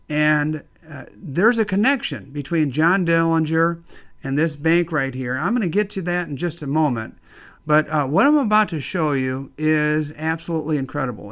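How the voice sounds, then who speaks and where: A man's voice: on the high side, a bit bright, clear, resonant tone. Upbeat man hosting his video channel. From northwest Indiana. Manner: upbeat, friendly, with frequent "uh" fillers. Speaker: channel host. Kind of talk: casual video narration.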